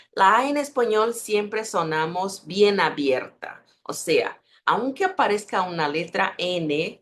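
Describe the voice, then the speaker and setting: Woman, Spanish teacher; unhurried, lower voice, patient word-by-word drilling. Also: fairly bright tone, slight background noise. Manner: slow, repeats each example word; contrasts Spanish with Portuguese sounds. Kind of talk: pronunciation lesson.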